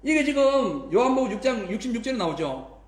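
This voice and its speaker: Emphatic high-voiced male pastor preaching. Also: big pitch swings, fairly quick, echoey room. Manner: emphatic, keeps prompting the congregation with a rhetorical "eh?". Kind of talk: sermon. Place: church sanctuary.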